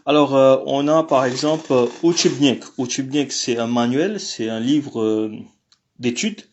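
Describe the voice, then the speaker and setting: A man teaching a language lesson online, talking in a halting way with many fillers and restarts. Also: mid-range voice, a little mellow, dull audio, a little hiss or hum. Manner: apologetic about technical glitches.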